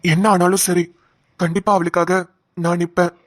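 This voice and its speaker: A woman's voice: lowish voice, flat delivery, moderate pace, close to an everyday voice. A woman voicing a hot-headed, protective young man in a cartoon who broods over his choices. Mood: resolute. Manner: brooding, talks to himself. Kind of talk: Tamil cartoon voice acting.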